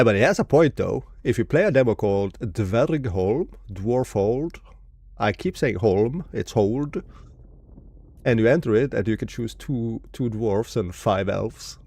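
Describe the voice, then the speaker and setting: A man's voice: mid-range voice, animated, a little slow, darkish tone. A man from Norway, casually commenting on a live game stream and reading game text aloud. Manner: reads game text aloud, muses to chat.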